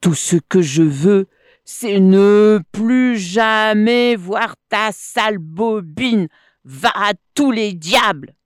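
A woman doing a scornful yelling male monkey. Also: on the high side, lively intonation, slow, no room sound, studio quality, pitched above the performer's own voice. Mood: furious. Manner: shouting insults, sharp and mocking.

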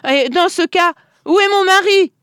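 A storyteller voicing an angry, scolding wife who shouts at her husband, in a read-aloud folk tale. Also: mid-range voice, animated, normal speed, no room sound, clean studio sound, voice pushed up, natural voice. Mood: furious.

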